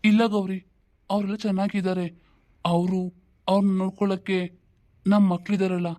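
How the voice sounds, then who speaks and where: A woman voicing an ailing old father, weary and longing for his late wife, speaking slowly and pleadingly. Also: mid-range voice, flat delivery, dark tone, lightly acted.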